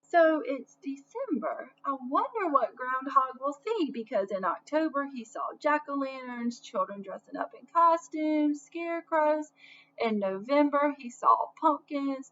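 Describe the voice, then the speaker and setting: An unhurried woman with a high voice reads a children's story with expression, turning to her listeners with questions and asides along the way. Faint noise sits under the dull, lo-fi recording.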